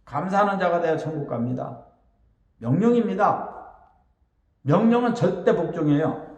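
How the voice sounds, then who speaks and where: Animated preaching man in echoey church hall. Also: on the high side, moderate pace. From Chungcheong, South Korea. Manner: emphatic preaching, repeating key phrases with affirming asides. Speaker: pastor. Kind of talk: Sunday sermon. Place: church sanctuary.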